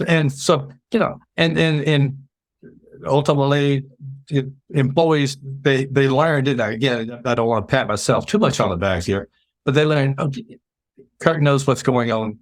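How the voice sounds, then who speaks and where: An older man, a public relations veteran, telling stories in a casual interview with lively restarts. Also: mid-range voice, moderate pace, dry recording. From United States. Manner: animated storyteller, many restarts.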